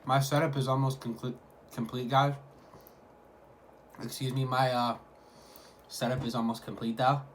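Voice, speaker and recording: A man's voice: medium pitch, level tone, normal speed, long pauses. A man talking casually in a food vlog, hyping things up in repetitive slang. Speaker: mukbang vlogger. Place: at home. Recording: clearly noisy home recording.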